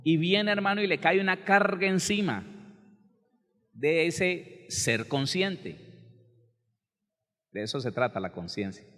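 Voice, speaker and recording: A man preaches with a fairly high voice, speaking straight to the congregation in a conversational, lively way. His words ring out with the long reverb of a large hall. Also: takes it slowly, long pauses. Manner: conversational, animated, acts out quoted people. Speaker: pastor. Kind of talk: sermon.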